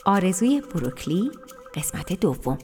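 A woman narrating a children's story in an expressive, animated way. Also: lowish voice, soft background music.

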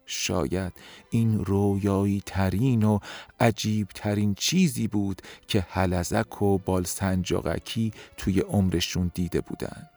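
A man narrating a children's bedtime story in a gentle, unhurried way. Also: low voice, steady tone, faint music behind.

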